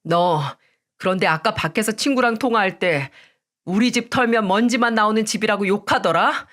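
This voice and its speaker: A woman's voice: mid-range voice, moderate pace, fairly bright tone, natural voice. Woman voicing a firm young lawyer son. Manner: firm, decisive.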